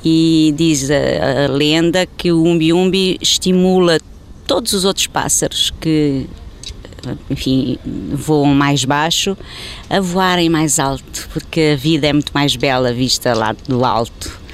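A woman in her fifties from Angola, talking reflectively in an interview and pausing on fillers. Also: low-pitched, clean tone. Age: 50s. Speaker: interviewee, newspaper editor.

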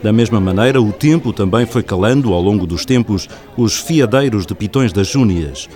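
A man's voice: lowish voice, lively intonation, moderate pace, darkish tone. A man with a European Portuguese accent reading scripted documentary narration in a storytelling style. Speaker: radio reporter and narrator.

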